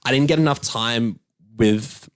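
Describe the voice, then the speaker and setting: A man co-hosting a casual podcast as a film critic, talking in an animated, rambling way with restarts. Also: mid-range voice, measured pace, clear, resonant tone, no echo.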